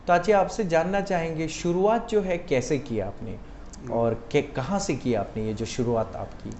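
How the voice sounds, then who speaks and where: A man's voice: on the high side, moderate pace, a little mellow. Male talk show host, hesitant questioning with fillers, a bit off mic, dull recording with faint noise. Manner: hesitant, many fillers, short acknowledgements. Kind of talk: interview questions.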